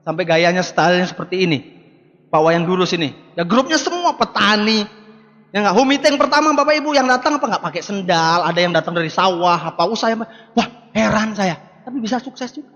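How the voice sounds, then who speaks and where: A man's voice: high-pitched, a little fast, a bit bright. Guy in his 40s hyping up a seminar crowd, keeps repeating himself, big echoey hall. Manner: emphatic, repeats rallying words, often addresses the audience. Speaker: motivational business speaker. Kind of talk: seminar speech to a live audience. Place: large hall with live audience. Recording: echoey hall, dull lo-fi sound.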